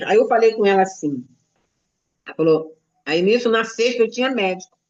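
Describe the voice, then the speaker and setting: A woman's voice: a little high, lively intonation, moderate pace, highs cut off. A woman from Brazil, a deaconess, telling a personal testimony to a church congregation, retelling conversations in an emotional storytelling way. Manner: emotional storytelling, quotes others' dialogue.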